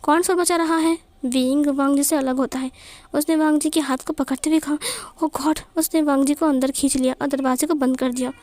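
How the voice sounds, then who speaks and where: A woman narrating a fan fiction story in a plain, steady way. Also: sits high, a little fast, no room sound.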